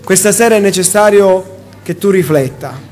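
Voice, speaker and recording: A man's voice: sits high, moderate pace, a little mellow, faint music behind. An Italian man preaching a sermon in a church hall, in short impassioned phrases that rise as he goes. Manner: impassioned, rising preaching cadence.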